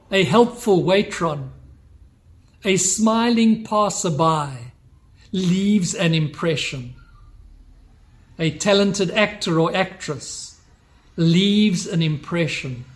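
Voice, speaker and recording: A man preaching a sermon, slow and measured, building on repeated rhetorical questions. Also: high voice.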